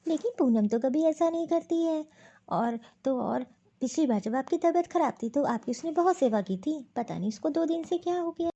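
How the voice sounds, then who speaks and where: A woman plays a caring, practical eldest daughter-in-law who runs the house in a cartoon story. She gives instructions in a high voice. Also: animated, normal speed, dark tone, dull audio.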